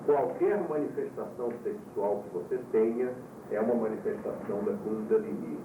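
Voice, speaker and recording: A man who is a yoga teacher lectures to his students, explaining calmly and jumping up in pitch when he stresses a point, heard from an old VHS tape. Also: moderate pace. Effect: old VHS tape recording. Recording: tinny, roomy, distant, hissy old VHS tape.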